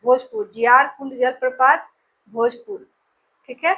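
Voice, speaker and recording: A woman's voice: sits high, unhurried, pushed and bright, breathy edge. A woman teacher giving an exam-prep lesson, drilling place names with memory tricks and repeating each answer over and over.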